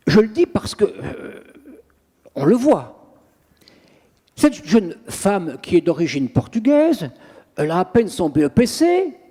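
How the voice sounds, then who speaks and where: Priest guy, high pitch, dark mellow tone, long reverb all around, dramatic storyteller. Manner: animated, dramatic storytelling with acted quotes. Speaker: priest and exorcist. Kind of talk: interview storytelling. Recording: long reverb, echoey room.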